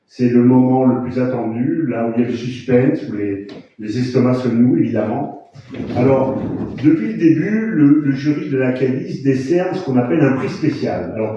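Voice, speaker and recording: A man hosting an awards ceremony, introducing the jury and building suspense in a halting, playful way. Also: mid-range voice, dark tone, slight background noise. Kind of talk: live ceremony announcing. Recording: echoey room from far off, dull sound.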